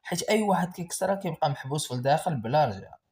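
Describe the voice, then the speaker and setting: A man's voice: fairly high pitch, animated, racing, a little mellow, natural voice. A man doing a solemn Moroccan village sheikh. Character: stern Quran-reciting village sheikh.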